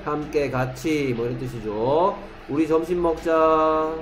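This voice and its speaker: Slow-talking man teaching a class. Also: on the high side, fairly even intonation, a little hiss or hum, rough recording. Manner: keeps checking understanding with short questions; reads English example sentences slowly for the class. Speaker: English teacher. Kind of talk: classroom lesson.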